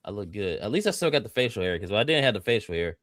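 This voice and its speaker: Racing through his lines with big swings in pitch, a thirty-year-old American co-host talks in a lowish, somewhat bright voice. The studio-quality recording has no room sound. He keeps the livestream chat rowdy, slangy and joking, hammering points home by repeating phrases.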